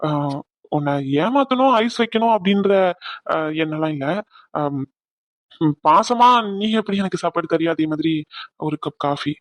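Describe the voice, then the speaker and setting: A man's voice: on the high side, expressive, normal speed, pauses often, dry recording, close to an everyday voice. A man voicing a young cartoon husband who teases his wife and fumbles with fillers when caught out. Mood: sheepish. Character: young husband, teasing and sheepish.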